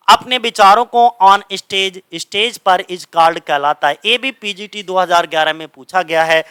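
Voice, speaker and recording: A man teaching English literature for exams, asking his own questions and answering them, reading English lines slowly and explaining them in Hindi. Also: very high-pitched, pushed and bright, clear, resonant tone, no room sound. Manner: drills with repeated questions and answers. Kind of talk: exam-prep lecture.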